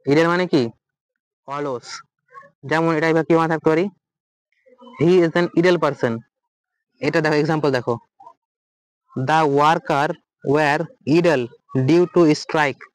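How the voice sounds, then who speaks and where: A young man with a Bengali accent teaches exam vocabulary, firing questions at his students and answering them himself. His voice sits a little high and comes through smooth and clear. The sound is dry and close, with no room echo. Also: steady tone, slow pace, long pauses. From West Bengal, India. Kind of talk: exam-prep vocabulary lesson.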